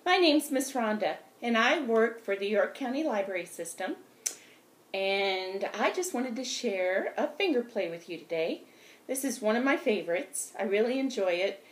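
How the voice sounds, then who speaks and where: A middle-aged woman, a children's librarian, leading a storytime finger play in an animated, sing-song way, filmed on a laptop webcam in a small room at home. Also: a little high, moderate pace. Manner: animated, sing-song chanting with big hand gestures.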